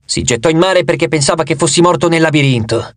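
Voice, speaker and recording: A man voicing the weary ghost of a boy hero, speaking slowly in a dry, papery voice. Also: a little high, no echo, close to an everyday voice. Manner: slow, subdued delivery.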